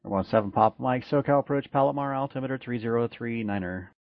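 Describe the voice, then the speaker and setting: A man working as an air traffic controller, reading out clearances in brisk, clipped phrasing over an aviation radio transmission. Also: mid-range voice, no room sound. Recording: muffled dry radio audio.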